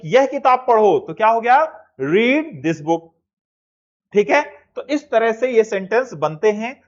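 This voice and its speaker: High-voiced man teaching English. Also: highs cut off. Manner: asks and answers his own questions, says model sentences very slowly. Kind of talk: classroom lesson.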